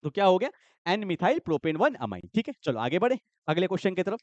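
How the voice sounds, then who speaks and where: A high, lively male voice that swings widely in pitch as he leads a quick chemistry lesson. He keeps asking questions aloud and then answers them himself. The sound is dry and a bit dull, like a lo-fi recording. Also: dry recording. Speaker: chemistry teacher. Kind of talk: energetic board-exam lesson.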